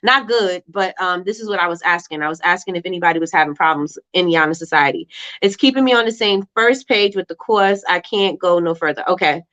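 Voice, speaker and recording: A woman's voice: on the low side, brisk, a bit bright. A woman from Brooklyn with a Brooklyn accent, hosting a casual livestream chat in an informal, slangy way as she reads out and answers comments. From Brooklyn, New York. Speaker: livestream host. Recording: dull, lo-fi livestream audio.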